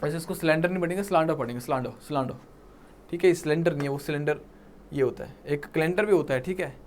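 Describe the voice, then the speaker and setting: A man's voice: on the high side, steady tone, a little mellow, a little hiss or hum. A man with a Punjabi accent teaching English vocabulary for an exam, mixing Hindi and English and often checking in with his students. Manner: mixes Hindi and English, checks in with "ठीक है?" and "right?"; repeats words slowly for emphasis. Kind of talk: exam-prep vocabulary lecture.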